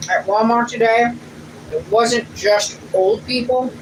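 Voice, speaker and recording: A woman's voice: on the high side, steady tone, slow. Chatty woman, far from mic. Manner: homey, chatty, plainspoken. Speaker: channel co-host reading viewer comments. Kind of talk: casual family livestream chat. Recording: distant mic in a noisy room.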